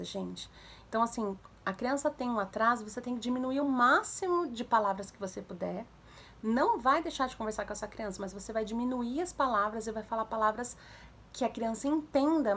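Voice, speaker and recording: A young woman casually giving parenting advice to viewers, animated, acting out commands in a raised voice. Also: on the high side, a little fast. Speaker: mother sharing parenting tips.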